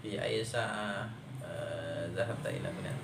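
A man in his thirties with an Indonesian accent runs a conversational language drill, prompting with short, repeated questions. His voice is fairly low with noticeable fry. It is recorded in an echoey small room with loud background noise. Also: fairly even intonation, unhurried. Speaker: language teacher. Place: small indoor classroom.

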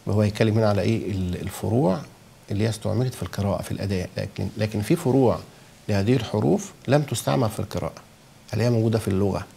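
A man teaches a lesson on pronouncing letters, speaking with an Egyptian Arabic accent. His voice sits low and has a gravelly edge. He keeps checking that his listeners follow and says the sounds aloud to show them, over a faint background hiss. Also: racing, warm tone. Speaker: Quran recitation teacher. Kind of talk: explaining a lesson.

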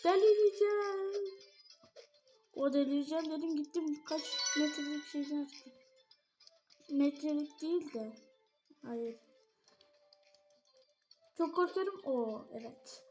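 A woman giving excitable live gameplay commentary as a channel host, full of exclamations and squeals, nervous and stumbling over her words. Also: high voice, unhurried, long pauses, over music.

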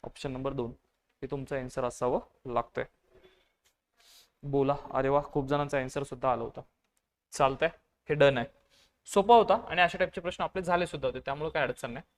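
A man's voice: mid-range voice, a little fast, long pauses. A man teaching an online math lesson, explaining patiently step by step. He repeats key phrases and asks questions that he then answers himself. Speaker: exam-prep teacher.

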